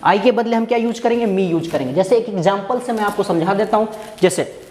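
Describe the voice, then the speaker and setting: Male grammar teacher for a recorded lesson. Quizzes the viewer, then answers himself, and reads examples slowly. Recorded in a roomy space with a long reverb tail. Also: high voice, darkish tone, a little hiss or hum.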